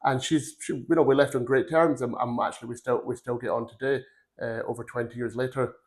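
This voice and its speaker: A man's voice: mid-range voice, little pitch movement, brisk. A man in his forties, originally from Glasgow, talks through his career as a podcast guest in a rambling, earnest storytelling way. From Glasgow, Scotland. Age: 40s. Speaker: podcast guest, recruitment firm founder. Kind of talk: casual career interview.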